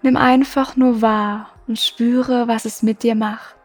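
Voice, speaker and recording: A woman hosting a meditation podcast, guiding the listener in a soft, slow, soothing way with long pauses. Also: fairly high pitch, little pitch movement. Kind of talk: guided meditation. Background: music.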